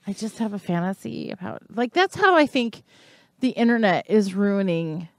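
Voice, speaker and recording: A woman co-hosting a podcast, chatting casually and laughing easily. Her pitch moves around a lot as she talks. The sound is close and dry. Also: very animated, dry recording. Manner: giggly, quick to laugh. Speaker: podcast co-host. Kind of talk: casual chat.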